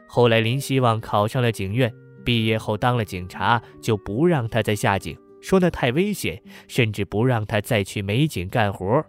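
A man narrating a novel in a measured, somber storytelling manner. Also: on the low side, lively intonation, soft background music. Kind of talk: audiobook narration.

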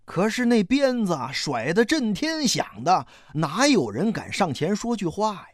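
A storyteller narrating a novel in an expressive, slow and dramatic manner. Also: medium pitch, dry recording, studio quality.

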